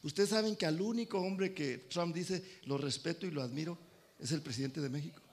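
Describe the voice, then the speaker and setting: A pastor preaching a sermon, swinging between loud and soft and calling out amen to the congregation. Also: male voice, fairly high pitch, a little fast. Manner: addresses congregation as brothers, calls amen.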